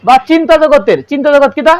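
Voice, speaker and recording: A man's voice: very high voice, expressive, fast. A male math teacher with a Bangladeshi Bengali accent, giving a classroom lesson and quizzing his pupils, repeating their answers back.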